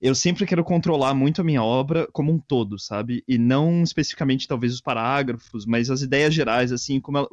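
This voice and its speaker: A man's voice: mid-range voice, darkish tone, no room sound. A man in a casual chat about writing, reflective and asking the others questions. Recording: dull, lo-fi dry sound.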